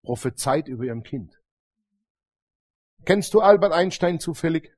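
A middle-aged man with a slightly high voice preaches at normal speed. He tells stories animatedly and frequently calls out "Amen" to the congregation.

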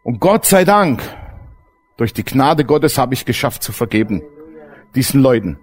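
A man preaching a sermon, blunt and earthy, swinging between loud emphatic outbursts and hushed low passages. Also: very animated, unhurried. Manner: blunt, earthy everyday language. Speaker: pastor.

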